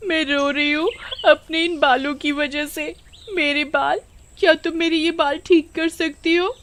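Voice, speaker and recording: A woman's voice: a little high, lively intonation, normal speed, pitched above the performer's own voice. A woman voicing a nosy, jealous village girl in a cartoon, prying and bossy.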